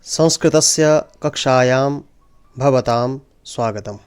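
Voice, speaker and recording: A man teaching an online language lesson, slowly repeating each word for pupils to say after him. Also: mid-range voice, smooth. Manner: slow, drills pronunciation by repeating words. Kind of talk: online Sanskrit lesson in Hindi.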